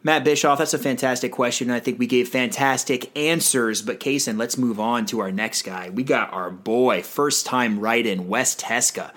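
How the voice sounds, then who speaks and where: A man's voice: mid-range voice, normal speed, few pauses, a bit bright. A man co-hosting a casual podcast, reading listener questions and teasing his co-host. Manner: joking, teasing, hypes his answers. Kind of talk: casual chat.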